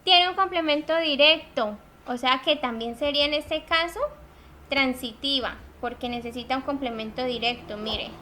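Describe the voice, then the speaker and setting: High, bright-voiced woman teacher. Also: normal speed, a little hiss or hum. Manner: patient, explains with everyday examples and asks "¿sí?". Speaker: Spanish teacher. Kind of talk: classroom grammar lesson.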